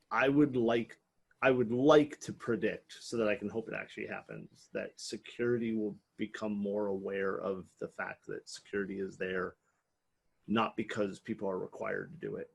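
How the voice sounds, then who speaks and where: A man's voice: fairly low pitch, creaky, slightly rough. A man co-hosting a podcast in casual chat, blunt and sarcastic, often repeating words as he starts a thought. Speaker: podcast co-host.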